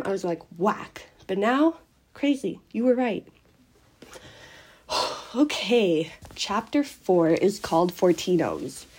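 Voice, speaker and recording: Young woman, casual phone voice memo, rambling chatter with lots of fillers, mid-pitched everyday voice. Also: darkish tone. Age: young adult. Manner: chatty, rambling, full of "like" and self-corrections. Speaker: sister-in-law sending a birthday voice recording. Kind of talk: casual recorded voice message. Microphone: phone voice recording.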